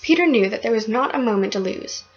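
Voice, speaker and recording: A woman reading a children's book aloud with expressive delivery and occasional stumbles. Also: on the high side, fast, muffled recording.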